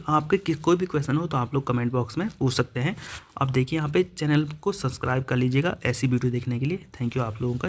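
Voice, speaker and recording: A man teaching an exam-prep grammar lesson, explaining step by step through worked examples. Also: medium pitch. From India.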